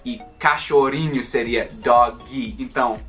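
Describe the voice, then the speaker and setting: A man's voice: mid-range voice, steady tone, a little slow, a bit bright, faint music behind. A man, speaking Portuguese as a learner, narrating a video and enthusiastically drawing out words to show how they sound. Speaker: language learner in a played clip.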